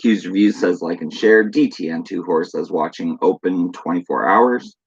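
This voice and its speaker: A man's voice: low-pitched, moderate pace, breathy edge, dull audio. A man hosting a casual horror live stream, greeting viewers by name and reading their comments aloud in a laid-back, chatty way. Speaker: horror channel host.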